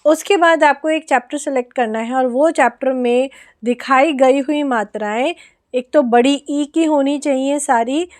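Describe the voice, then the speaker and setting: An Indian woman teaching an online lesson for parents, explaining step by step and stretching out example words. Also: sits high.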